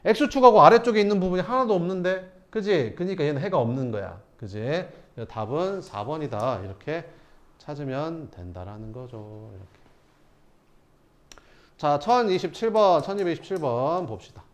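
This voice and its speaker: Man, math teacher, lively rising and falling pitch, slightly high voice, rhetorical questions. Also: moderate pace. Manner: rhetorical questions, answering himself. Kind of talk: lecturing students through problems.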